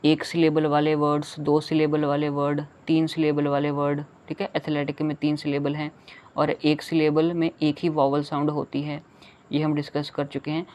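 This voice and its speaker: A teacher giving a children's lesson, reading each English line of a poem slowly and explaining it in Hindi, checking in often with "okay". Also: mid-range voice, monotone, darkish tone.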